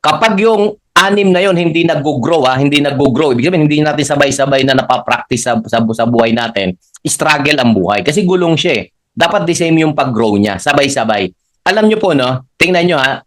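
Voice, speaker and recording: A man leading a live motivational training, animated and laughing often, guiding the audience through spoken affirmations. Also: a little fast. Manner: animated, laughing often, swings pitch up for emphasis. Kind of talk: live training talk, Taglish.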